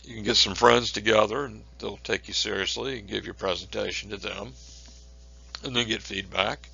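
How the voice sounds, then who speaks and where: Male instructor, lower pitch, bright forceful tone, measured delivery with fillers. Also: fairly even intonation, gravelly, breathy edge, dry recording. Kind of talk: recorded lecture. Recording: dull lo-fi recording.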